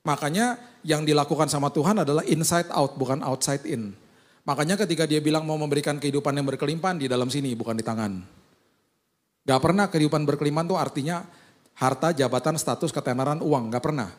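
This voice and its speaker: A man's voice: fairly high pitch, fast talker. A male pastor, preaching a humorous sermon full of acted-out anecdotes and casual slang. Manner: casual Jakarta slang, joking storyteller.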